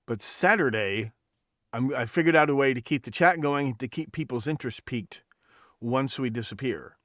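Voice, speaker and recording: A male podcast host rambles through a casual livestream chat, swearing and often restarting his sentences. His mid-range voice moves at a normal speed with a fairly bright tone, and the studio-quality recording has no echo.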